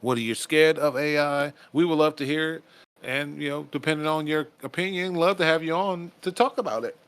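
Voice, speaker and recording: A man's voice: on the high side, steady tone, brisk, a bit bright, clear, resonant tone, dry recording. A man co-hosting a casual podcast, rambling and restarting his sentences, swearing now and then. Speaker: podcast co-host.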